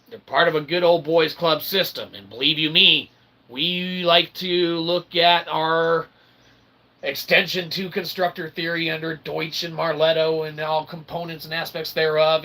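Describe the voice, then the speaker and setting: An independent channel streamer delivers a rambling philosophical monologue in a slightly high, sharp-toned male voice. He is emphatic and wordy, mixing convoluted academic phrasing with folksy asides.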